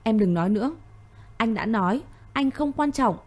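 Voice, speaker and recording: A woman's voice: on the high side, lively intonation, normal speed, darkish tone. Woman voicing Thiên Vũ, a firm young man. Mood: firm reassuring.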